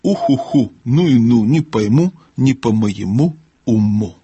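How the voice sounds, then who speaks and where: A fussy, excitable owl, voiced by a male narrator, hooting and drawing out her rhymes very slowly. Her voice is soft yet carrying, husky and dry, read for a storybook. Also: medium pitch, dry recording, dull audio. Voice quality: soft but loud hooting voice. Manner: slow, hooting, speaks in rhymes. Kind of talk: audiobook character voice.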